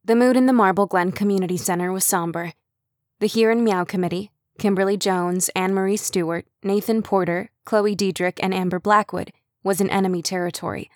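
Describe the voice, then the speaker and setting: A woman reading an audiobook in scripted narration, with an even, measured delivery. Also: medium pitch, no room sound, clean studio sound.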